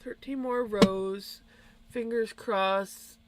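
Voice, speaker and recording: A woman's voice: medium pitch, fairly even intonation, very slow. A woman streaming her knitting, chatting casually with viewers in a chatty, self-deprecating way. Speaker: crafting streamer. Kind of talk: casual chat while knitting.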